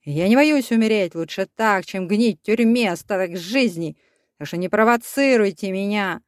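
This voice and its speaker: A woman's voice: medium pitch, moderate pace, no room sound, clean studio sound, lightly acted. A woman voicing a cruel, scheming German baron who talks in a sneering, menacing way, read in an audiobook.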